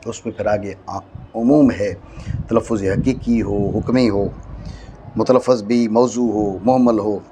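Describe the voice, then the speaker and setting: A man's voice: fairly low pitch, steady tone, dark tone, a little hiss or hum. A man teaching a classroom lesson, dictating phrase by phrase and quizzing his student. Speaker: teacher of Arabic grammar.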